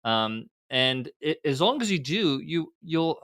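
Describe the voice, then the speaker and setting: A man's voice: fairly high pitch, big pitch swings, slow, fairly bright tone, dry recording, studio quality. A middle-aged man, a guest entrepreneur, speaking candidly in a casual podcast interview with frequent fillers and restarts. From United States.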